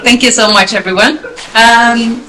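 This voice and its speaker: A woman's voice: fairly high pitch, fairly even intonation, unhurried, sharp tone. A woman in her forties from the Netherlands, telling a personal story in a gala speech. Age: 40s. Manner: reflective, storytelling. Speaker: gala speaker. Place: event hall. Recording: echoey hall, light noise.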